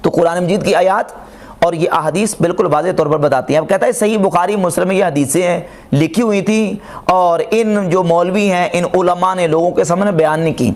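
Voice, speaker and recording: Male religious lecturer, high voice, polemical and insistent. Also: normal speed, a little mellow. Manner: argumentative, rhetorical questions, quotes Arabic. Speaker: religious scholar reviewing a speech.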